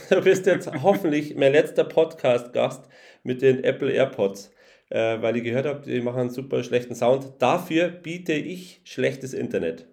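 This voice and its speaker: A man hosting his own podcast, relaxed and joking as he talks with his guest. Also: medium pitch, moderate pace, gravelly. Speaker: podcast host.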